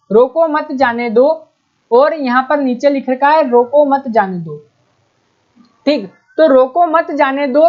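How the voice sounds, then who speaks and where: A high-pitched woman gives an exam-prep grammar lecture. She poses questions to her students, answers them herself and drills the key terms. The recording sounds dull and lo-fi. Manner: reads examples out slowly. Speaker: Hindi grammar teacher.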